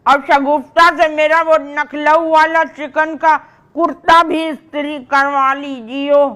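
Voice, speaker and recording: A woman's voice: high-pitched, little pitch movement, slow pace, sharp tone. An older woman with an old plays a scolding mother in a comedy drama, tossing out proverbs as she talks. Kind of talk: scripted comedy drama dialogue.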